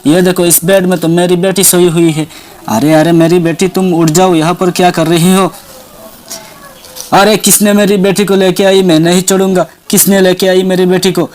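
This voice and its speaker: A menacing female witch searches frantically and spits threats, voiced by a man with a high-pitched voice. She talks in quick repeated cries of alarm, storybook style. The voice sits high for a man's. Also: little pitch movement, a little mellow, slight background noise, natural voice. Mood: angry. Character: menacing female village witch hunting her baby. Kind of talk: toy doll storytelling.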